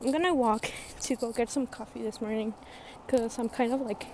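A woman with a fairly high voice chats into her phone as she walks outside, slangy and loose with her swearing, always teasing herself. Loud street noise sits right under her voice in the recording. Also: steady tone, normal speed. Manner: chatty, slangy and swearing, self-mocking. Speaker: vlogger. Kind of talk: casual vlog chat. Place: outdoors, walking on the street. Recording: noisy phone recording outdoors.

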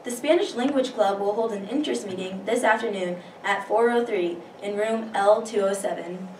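A teenage girl reading school announcements as a student news anchor, steady with the odd stumble. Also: mid-range voice, moderate pace. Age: teens. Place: school studio room. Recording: echoey room, distant mic, faint hiss.

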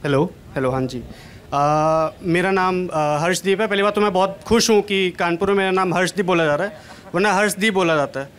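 Fairly quick and a bit bright, this young man's high-pitched voice carries a slight hiss or hum. He is from Kanpur, India, doing a chatty, self-mocking stand-up set. He holds a mic on a large stage at an indoor event.

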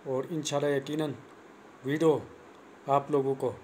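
Young man, slow earnest tutorial, lapel mic, faint room hiss. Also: medium pitch, little pitch movement, darkish tone. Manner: plain, repetitive, earnest instruction. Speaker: cricket coach vlogger. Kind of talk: casual spoken tutorial. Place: small indoor room. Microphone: clip-on lapel mic, phone camera close.

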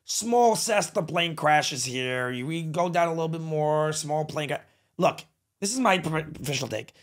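A man's voice: fairly high pitch, animated, moderate pace. A man co-hosting a casual podcast, giving a blunt opinionated rant with some hesitation fillers. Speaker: podcast co-host.

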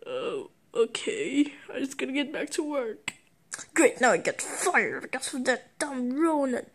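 A woman's voice: sits high, measured pace. A woman voicing a nervous male henchman who pleads and apologizes to his boss, in a fan-made toy animation. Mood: sulky. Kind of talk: fan stop-motion voice acting.

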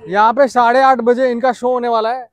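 एक युवा पुरुष ट्रैवल व्लॉगर, बाहर पर्यटन पार्क में कैमरे से बोलते हुए, उत्साह से बातें करता है और हिंदी में अंग्रेज़ी शब्द मिलाता है।. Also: male voice, extremely high pitch, fairly quick. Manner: chatty, excited, mixes English into Hindi. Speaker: travel vlogger. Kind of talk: casual travel vlog.

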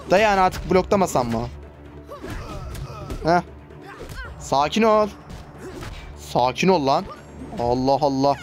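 A man hosting a gaming channel, giving chatty let's play commentary with exasperated outbursts. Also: high-pitched. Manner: chatty, exasperated exclamations while fighting.

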